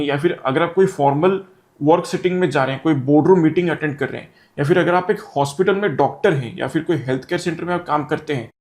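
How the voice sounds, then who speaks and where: High-voiced man reviewing perfumes. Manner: explanatory, mixing Hindi and English. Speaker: fragrance reviewer. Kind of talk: product review talk to camera.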